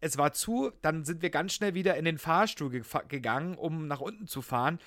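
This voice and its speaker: A man with a slightly high voice co-hosts a podcast. He talks in a loose, conversational way, and the recording is dry with hardly any room sound. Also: animated, fairly quick, a bit bright, no echo. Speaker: podcast co-host. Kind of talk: casual podcast chat.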